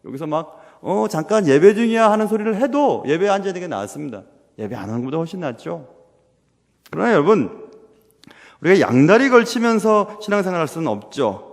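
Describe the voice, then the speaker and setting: Young male pastor, high lively voice, earnest sermon delivery in a reverberant church. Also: brisk, vocal fry. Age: young adult. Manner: earnest, rhetorical questions, drops to a hush at times. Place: church sanctuary. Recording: long reverb of a church hall.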